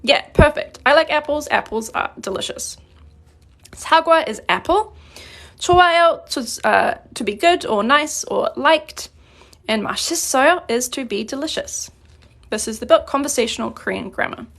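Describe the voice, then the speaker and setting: A woman from New Zealand teaching a live-streamed grammar lesson, explaining patiently and clearly, slowing down on her examples. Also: high-pitched, lively intonation, fairly bright tone. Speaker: Korean language teacher.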